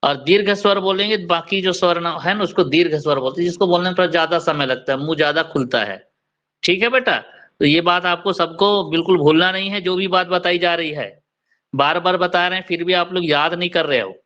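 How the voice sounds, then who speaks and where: A man teaching Hindi grammar in an online class, slowly drilling letter sounds and quizzing his students. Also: high voice, a bit bright, dull audio.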